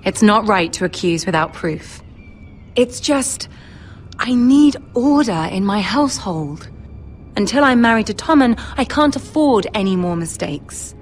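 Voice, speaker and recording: Commanding young noble lady played by an actress, game drama; unhurried, measured, imperious. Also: mid-range voice, lively intonation, soft background music, natural voice. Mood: regretful, disappointed. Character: poised, commanding young noble lady, betrothed future queen. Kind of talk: dramatic video game acting.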